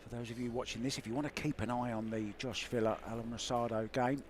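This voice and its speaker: Chatty male play-by-play voice for a pool broadcast, mid-pitched, faint room hum behind. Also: fairly even intonation, fast. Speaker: play-by-play commentator. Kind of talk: live sports commentary.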